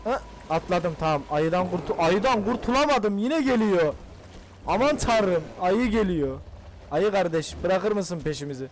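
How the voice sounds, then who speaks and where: A young man hosting a gaming channel, giving excitable casual commentary and shouting at the game characters. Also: high-pitched, moderate pace, slight background noise.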